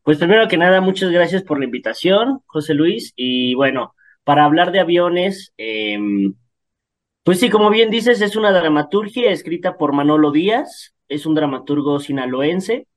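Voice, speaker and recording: A man from Mexico City speaks as an interview guest. He lays out a play's story clearly and in order. His voice sits a little high for a man. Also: lively intonation, moderate pace. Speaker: theater actor and director, guest.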